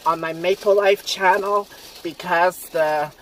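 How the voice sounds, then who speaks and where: A man's voice: high voice, steady tone, slow pace, slight background noise. A man from Canada hosting a casual eating vlog, chatty and giggly with cheeky jokes. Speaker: vlog host. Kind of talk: casual mukbang chat.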